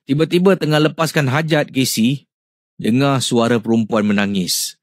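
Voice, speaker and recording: A man hosting a radio show, reading out listener ghost stories in an animated, suspenseful way. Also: normal speed, dry recording, clean studio sound. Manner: animated, with sudden rises in pitch and loudness for suspense.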